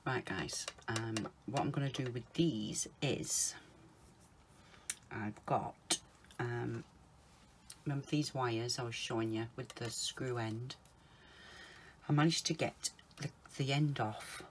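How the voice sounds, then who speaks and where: A woman talking viewers through a polymer clay project, chatting casually, calling them guys and murmuring softly to herself as she works. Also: a bass voice, slow pace, slight background noise. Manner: chatty, often calls viewers guys, mutters softly to herself while working. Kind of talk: casual crafting tutorial.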